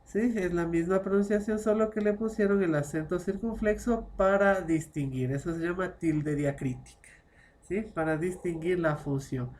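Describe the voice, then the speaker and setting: A woman's voice: lowish voice, moderate pace, a little mellow, a little hiss or hum. A woman teaching a French class online, explaining patiently and constantly checking understanding with short tag questions. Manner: explains patiently, mixing French phrases into Spanish.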